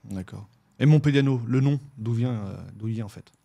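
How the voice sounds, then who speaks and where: A man hosting a podcast interview in a studio, asking relaxed, casual questions. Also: mid-range voice, brisk, vocal fry. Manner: lively sponsor read, then relaxed questions. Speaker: podcast host.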